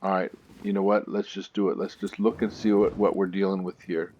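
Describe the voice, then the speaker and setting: A man's voice: sits low, little pitch movement, a little fast, darkish tone, dull audio, slight background noise. A man hosting a let's-play gaming video, telling stories in a chatty way with nervous asides.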